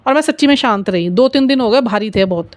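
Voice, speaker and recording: A middle-aged woman with a fairly high voice shares devotional stories with her viewers. She talks earnestly and keeps dropping English words into her Hindi. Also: lively intonation, fast talker. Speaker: spiritual storyteller.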